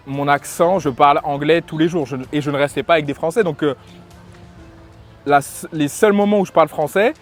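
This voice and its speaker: A lifestyle and dating coach from France talks casually on a vlog with a voice on the high side. He stumbles along, using lots of fillers and frequently restarting his thoughts.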